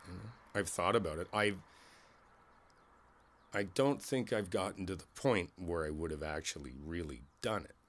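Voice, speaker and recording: In an ASMR roleplay, a deep-voiced man plays a kindly older neighbor. He sounds reflective, somber and candid, speaking haltingly and conversationally while repeating his phrases.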